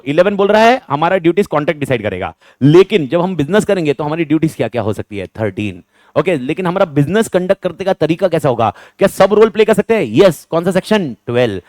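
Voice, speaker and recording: A man teaching an exam revision class. He drills students in rapid question-and-answer bursts and hammers key points home by repeating them. His voice sits a little high and sounds close and dry. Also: lively intonation, darkish tone, no room sound.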